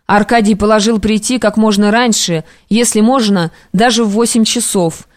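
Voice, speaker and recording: A woman narrating classic prose for an audiobook in a measured, even manner. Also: medium pitch, no room sound, studio quality.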